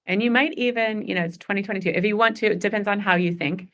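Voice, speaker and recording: A woman in her forties leads a goal-setting workshop, chatty and upbeat and laughing often. Her medium-pitched voice is a bit bright and moves at a quick pace.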